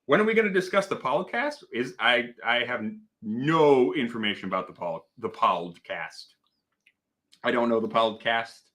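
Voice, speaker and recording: A man's voice: medium pitch, expressive, normal speed, fairly bright tone. A man hosting a casual livestream, chatting, laughing often and reading out viewer comments. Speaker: host.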